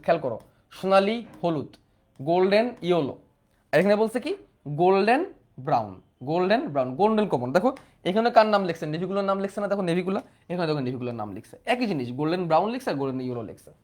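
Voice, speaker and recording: A young man teaching a biology exam-prep class, repeating questions and prompting students to answer. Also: high-pitched. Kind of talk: online exam-prep lecture.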